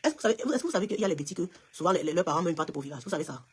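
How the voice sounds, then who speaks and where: A woman's voice: on the low side, expressive, racing, breathy edge. A woman from Cameroon with a Cameroonian French accent, chatting emphatically on a live stream and talking straight to viewers by name. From Cameroon, West region. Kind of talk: casual live-stream chat answering viewers.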